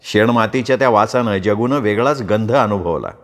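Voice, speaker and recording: A man narrating an audiobook in a measured, descriptive storytelling manner. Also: lowish voice.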